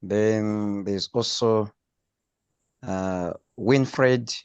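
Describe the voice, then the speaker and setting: A man's voice: on the low side, drawn-out words, clear, resonant tone, no echo. A man co-hosting an online meeting, politely calling on attendees one by one with brief prompts. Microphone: video call. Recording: dull dry online call audio.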